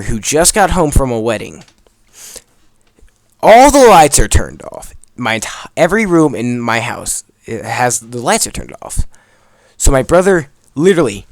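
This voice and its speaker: A young man with a mid-range voice, recorded dry, tells a story over gameplay as a video creator. His delivery is casual, rambling and emphatic, and he swears freely along the way.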